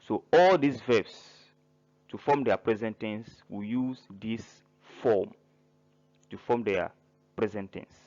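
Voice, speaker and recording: A man teaching a French grammar lesson in English, listing verbs slowly and spelling out word endings letter by letter. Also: fairly low pitch, a little mellow, highs cut off. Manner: spells words out letter by letter, pauses between listed verbs. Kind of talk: slow grammar lesson narration.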